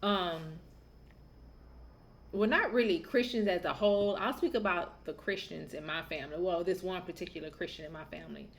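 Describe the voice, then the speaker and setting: A woman's voice: fairly low pitch, moderate pace. A woman raised in the Southern United States, hosting a podcast and telling a family story in a candid, opinionated, chatty way. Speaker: podcast host. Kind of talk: casual podcast monologue.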